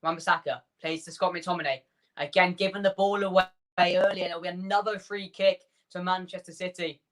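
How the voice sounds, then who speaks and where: A man's voice: sits high, steady tone. Man calling a live match watchalong. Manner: rapid player-by-player calls, chatty asides to viewers. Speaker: fan watchalong host. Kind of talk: live play-by-play fan commentary.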